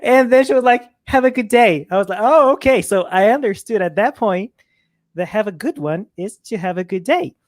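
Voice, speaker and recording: A woman chatting casually on a panel, telling a story with relaxed, thoughtful pauses. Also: mid-range voice, dry recording, clean studio sound.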